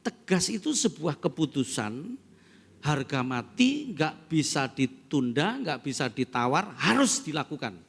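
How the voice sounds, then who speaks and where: A middle-aged male pastor preaches in a big church hall, his fairly high voice rough with gravel. He shifts from easy storytelling to loud, emphatic preaching, and a long reverb trails every phrase. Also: sing-song, a little slow. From East Java. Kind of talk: sermon.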